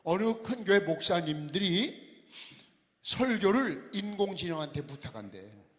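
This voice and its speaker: Long reverb from the big sanctuary surrounds this older Korean pastor from Chungcheong as he preaches revival, folksy and teasing, quizzing the people in the pews. He speaks expressively in a high, slightly bright voice and takes his time.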